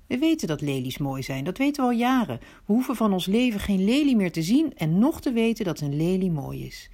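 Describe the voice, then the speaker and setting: A woman telling a dramatic first-person story, swinging between hushed asides and indignant outbursts. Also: mid-range voice.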